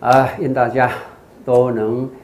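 A man's voice: mid-range voice, flat delivery, slow pace, noisy background. An older man, a Buddhist monk with a Taiwanese Mandarin accent, giving a televised English lecture, spelling words out letter by letter and slipping into Taiwanese Hokkien.

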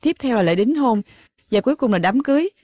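A woman dubbing a sharp-tongued, jilted young woman teacher in a TV drama, defiant and biting. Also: on the high side, expressive, quick pace, no room sound. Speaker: dub actress. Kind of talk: dubbed TV drama acting. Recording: dull lo-fi dub audio.

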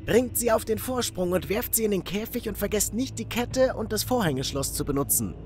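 Man doing a scheming teen girl villain, high and mocking, animated story. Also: moderate pace, soft background music. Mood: gloating. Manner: gloating, commanding.

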